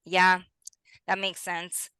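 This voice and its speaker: A woman's voice: on the low side, little pitch movement, slow, sharp tone, clear, resonant tone, dry recording, low-quality recording. A young adult woman hosting a podcast interview, bubbly and exclamatory, speaking straight to her listeners. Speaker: podcast host.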